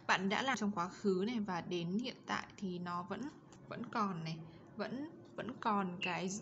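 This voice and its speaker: A woman teacher giving a bilingual grammar lesson, reading English examples slowly and carefully and explaining them quickly in between. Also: mid-range voice, lo-fi sound, noisy background.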